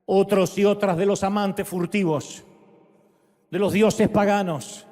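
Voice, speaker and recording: A man as pastor leading a sermon's altar call and prayer, fervent and repeating words in rising shouts. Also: high voice, steady tone, unhurried. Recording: long hall reverb.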